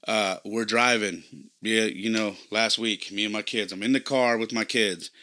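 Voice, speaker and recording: Middle-aged male podcast host, lowish pitch, bright tone, casual rambling storyteller turning emphatic. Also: steady tone, moderate pace, slight background noise. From California. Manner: conversational, rambling with fillers, grows emphatic when lecturing. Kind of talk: personal storytelling monologue.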